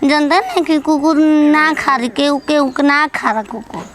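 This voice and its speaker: A woman with a Bhojpuri accent playing a stubborn, childish daughter-in-law in a scripted village comedy skit, whining and shouting. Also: high voice, measured pace. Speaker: comic actress playing a silly daughter-in-law.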